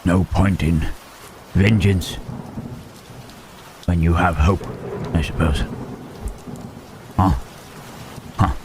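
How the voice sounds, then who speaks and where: A man playing a lonely, humble, gentle-hearted monster in an intimate ASMR roleplay, speaking haltingly and repeating his words with murmured questioning tags. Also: deep voice, steady tone, exaggerated voice. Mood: tentatively hopeful. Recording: rain and thunderstorm noise behind. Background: rain and thunder.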